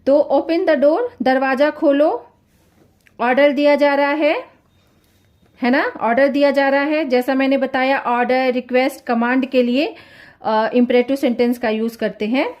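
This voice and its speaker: A woman teaching English grammar in Hindi. She speaks slowly and reads English example sentences out one word at a time, then asks the viewers a question and answers it herself. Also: high voice, dull audio.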